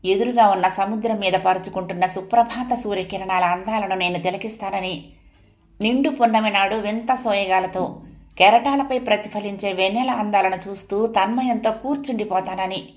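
A woman narrating a first-person family story in a steady, even audiobook reading. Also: medium pitch, normal speed.

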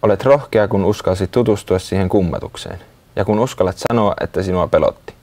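A man voicing Sisu, a small touchy creature who speaks curtly. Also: sits low. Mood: sulky. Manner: curt, sulky, then shyly warm.

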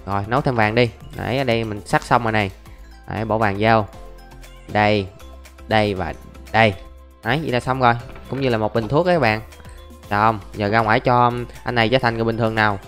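A young man with a lowish voice talks fast in a fairly bright tone, his intonation staying fairly even. He's a gaming YouTuber doing casual Let's Play commentary, narrating each move and calling out to viewers while faint music plays behind him.

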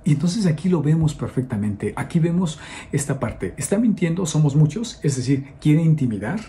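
Mellow-voiced priest giving a chatty homily. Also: male voice, a little high, sing-song, normal speed, slight background noise. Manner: conversational, frequent fillers and checks with the listeners. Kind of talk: homily on the Sunday gospel.

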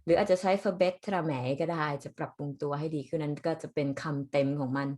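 Low-voiced Thai woman teaching. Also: fairly quick, a little mellow. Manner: chatty, frequent polite sentence endings. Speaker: Swedish language teacher. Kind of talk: explaining dialogue phrases to students.

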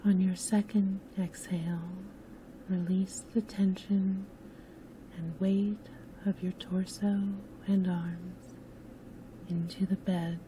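Very slow, hushed woman sleep story narrator. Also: medium pitch, level tone, slight background noise, low-quality recording. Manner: hushed, soothing sleep story narrator, often near a whisper. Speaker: host and narrator of sleep stories. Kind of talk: soft-spoken scripted sleep story narration.

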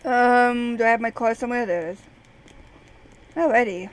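A woman's voice: on the high side, moderate pace, poor audio. A woman in her twenties chatting and rambling casually while commentating her gameplay. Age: 20s. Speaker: let's player.

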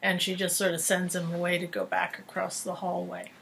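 A woman's voice: fairly low pitch, monotone, brisk, creaky, a bit bright, a little hiss or hum. Thoughtful woman co-host musing. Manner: thoughtful, hesitant with fillers. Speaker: podcast co-host. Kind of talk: casual commentary chat.

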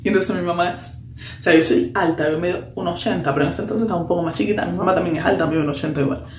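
A woman's voice: lowish voice, rapid-fire. A young woman, animatedly telling a personal story in a casual vlog. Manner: animated, lively retelling with slang and English asides. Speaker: vlogger. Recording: echoey room with faint hum.

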